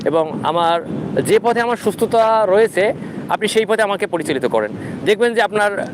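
High-voiced Bangladeshi man, noisy outdoor livestream. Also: expressive, moderate pace. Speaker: ruqyah practitioner hosting a live Q&A. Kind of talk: informal livestream talk with religious advice. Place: outdoors at a sea beach. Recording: clear outdoor wind and rumbling noise.

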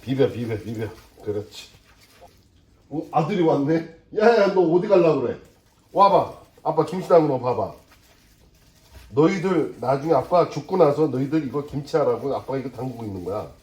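A man's voice: mid-range voice, lively intonation, normal speed, a little mellow, reverberant. A middle-aged man and father talking casually to himself while making kimchi at home, muttering and joking as he works. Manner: chatty, mutters and jokes to himself while working. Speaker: cooking vlogger. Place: home kitchen.

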